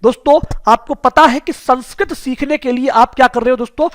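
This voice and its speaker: A man's voice: extremely high pitch, fairly quick. A man teaching an exam-prep lesson who keeps asking rhetorical questions and calling the viewers his friends.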